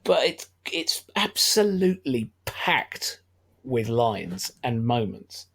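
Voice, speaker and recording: A man's voice: medium pitch, big pitch swings, slow pace, vocal fry, a bit bright. A middle-aged man, chatting wryly about a film as a podcast co-host. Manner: chatty, wry, laughs often. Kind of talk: casual film discussion.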